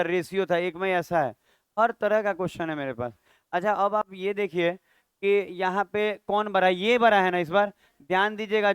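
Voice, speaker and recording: A man's voice: high voice, clear, resonant tone, no echo. A man teaching a maths class, chatty and scolding, quizzing students aloud. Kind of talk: classroom lecture.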